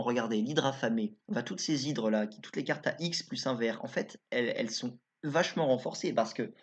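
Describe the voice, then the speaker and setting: A chatty, informal man talks through game cards in a casual YouTube review, thinking aloud as he goes. His voice sits at an everyday middle pitch. The recording is somewhat dull and lo-fi. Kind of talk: casual card review commentary.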